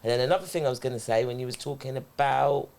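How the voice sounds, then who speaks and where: Guy in a chat, expressive storyteller, casual. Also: mid-range voice, fast, gravelly. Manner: expressive storyteller who acts out quotes.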